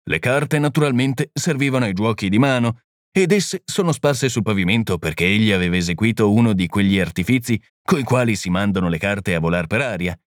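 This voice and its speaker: A man reading the part of a small, gentle priest-detective who explains things calmly and patiently. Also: fairly low pitch, fairly quick, dry recording, studio quality, close to an everyday voice. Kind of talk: audiobook reading.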